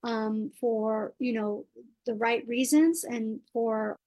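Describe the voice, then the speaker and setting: A woman's voice: fairly high pitch, slow pace, dark tone, highs cut off. A woman born in Afghanistan, a guest speaking earnestly and insistently in an interview, repeating words for emphasis. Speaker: guest, advocate. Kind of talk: impassioned interview answers.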